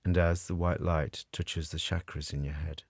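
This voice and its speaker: A man guiding a scripted meditation in a soothing, measured way with long pauses. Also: low-pitched, little pitch movement, breathy edge, no room sound, clean studio sound. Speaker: meditation guide. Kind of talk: guided meditation narration, scripted.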